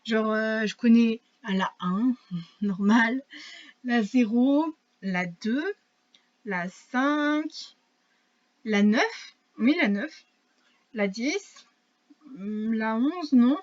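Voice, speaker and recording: A teenage girl talks in a loose, rambling vlog chat, full of fillers and restarts as she laughs at her own shortcomings. Her voice sits a little high. The recording is dull and lo-fi, like a cheap home mic. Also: expressive, very slow, long pauses. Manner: rambling and self-mocking, many fillers and restarts. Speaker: vlogger. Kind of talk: casual chat to camera.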